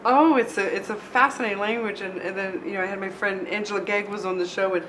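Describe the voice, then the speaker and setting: A woman's voice: medium pitch, fast. Chatty native-Spanish woman host, faint background noise. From North America. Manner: chatty, addresses listeners, expressive anecdotes. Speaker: radio show host. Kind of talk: casual chatty interview. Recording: light background room noise.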